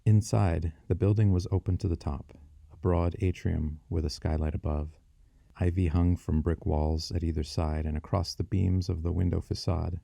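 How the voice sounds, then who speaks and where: A man narrating a fiction audiobook in a measured, descriptive storytelling manner. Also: low voice, level tone, creaky, mellow, dry recording, clean studio sound.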